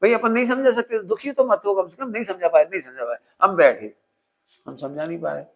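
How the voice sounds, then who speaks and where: A man giving a spiritual discourse, animated, illustrating with everyday household examples and quizzing his listeners with call-and-response questions. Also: high voice, brisk, gravelly. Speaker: religious teacher. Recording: dull lo-fi recording.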